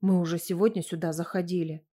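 A woman doing a low, hesitant polite man. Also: fairly even intonation, quick pace, natural voice. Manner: hesitant, quiet.

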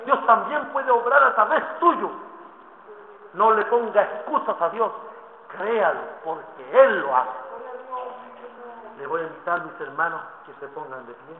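A man preaching a sermon as a guest preacher, impassioned and building to shouts. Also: high voice, expressive, unhurried, pauses often, slight background noise. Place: church. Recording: echoey church hall over tinny line.

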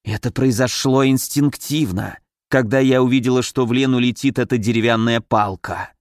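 A man's voice: mid-range voice, moderate pace, no echo, studio quality, lightly acted. Man voicing a hissing fire snake girl. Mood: apologetic. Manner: hissing, apologetic. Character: frightened female fire snake, servile.

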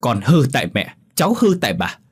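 A man voicing a hot-tempered drunken father who scolds his daughter in rapid anger, in a spoken horror story. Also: mid-range voice, huge pitch swings, breathy edge. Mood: furious. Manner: fast, furious scolding.

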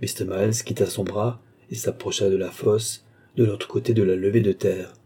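A man narrating a literary novel in a steady, even reading. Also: lowish voice, moderate pace, husky. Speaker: audiobook narrator.

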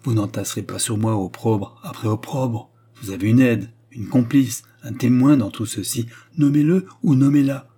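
A man's voice: mid-range voice, moderate pace, few pauses, mellow, slightly rough. A man reading aloud and voicing a proud, haughty queen who speaks with vehement scorn. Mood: indignant. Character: proud furious woman queen. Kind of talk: audiobook character reading.

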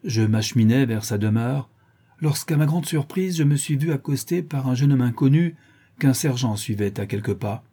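A man's voice: mid-range voice, lively intonation, normal speed, mellow, husky. A man reading as a polite young nobleman. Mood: respectful. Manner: deferential, explanatory. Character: respectful young nobleman messenger. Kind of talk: audiobook reading.

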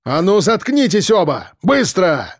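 A gruff chief guard barks short orders, voiced by a man reading a story. His tone is harsh and commanding. The recording is dry and close. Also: a little high, takes it slowly, no room sound, exaggerated voice. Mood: barking. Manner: barking, commanding.

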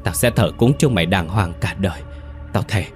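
A man's voice: low-pitched, fairly quick, soft background music, natural voice. A man voicing a cowardly young son who grovels and begs for mercy. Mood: begging. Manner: groveling, pleading.

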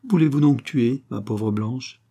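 A man's voice: medium pitch, normal speed, dark tone, close to an everyday voice. A man voicing a grieving noble mother, a marquise, who pleads with emotion, rising to cries. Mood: pleading.

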